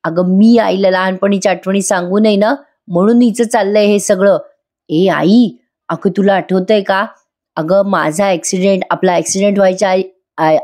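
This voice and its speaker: A woman's voice: medium pitch, a little mellow, lightly acted. A woman voicing a spiteful, jealous young woman in a retold TV serial scene, with a taunting, whiny delivery.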